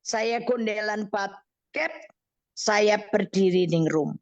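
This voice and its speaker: A middle-aged woman evangelist with a Javanese accent, telling a personal testimony on a radio counseling show, animated and acting out what she said. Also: mid-range voice, slow, dry recording, dull audio. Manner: animated storytelling, acts out her own quoted words. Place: radio studio.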